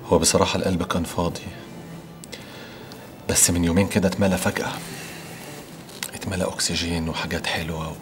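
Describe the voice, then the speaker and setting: An actor playing a smooth, flirtatious pilot with an Egyptian Arabic accent, in a TV drama. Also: male voice, low voice, little pitch movement, fast, long pauses, background noise, close to an everyday voice.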